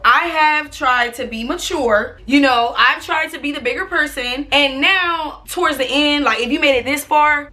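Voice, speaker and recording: A young American woman telling a casual storytime in a sassy, expressive, slangy way with plenty of swearing. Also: sits high. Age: young adult. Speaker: storytime vlogger.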